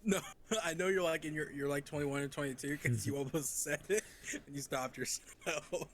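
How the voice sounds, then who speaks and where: Higher-voiced man cutting in with questions. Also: a little hiss or hum. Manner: quick interjecting questions. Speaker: podcast co-host. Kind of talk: casual chat.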